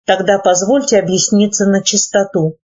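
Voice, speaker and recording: A woman's voice: medium pitch, steady tone, moderate pace, darkish tone, breathy edge, close to an everyday voice. A woman reading the lines of an earnest, proud young man, formal in speech, in a dull lo-fi recording. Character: earnest young male nephew, proud and idealistic.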